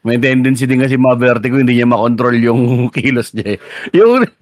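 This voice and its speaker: A man's voice: medium pitch, fairly quick, no echo, studio quality. A man co-hosting a podcast in casual chat, loose and laughing, swearing freely. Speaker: podcast co-host.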